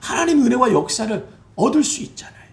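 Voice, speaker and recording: A male pastor preaching a Sunday sermon in a high, gravelly voice. His pitch leaps and falls constantly, dropping to low confiding asides before he bursts into shouted exclamations. He sounds middle-aged. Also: sing-song, quick pace.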